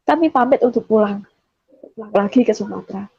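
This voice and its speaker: A woman's voice: mid-range voice, a little fast, vocal fry, darkish tone, husky. A woman from Java giving an earnest personal testimony, often quoting herself as she tells the story. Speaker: testimony giver. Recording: dull, dry recording.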